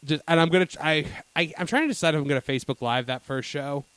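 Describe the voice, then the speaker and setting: A man's voice: fairly high pitch, quick pace, fairly bright tone, clear, resonant tone, no room sound. Jokey, rambling podcast host man. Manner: jokey, rambling, laughs often. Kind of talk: casual chat.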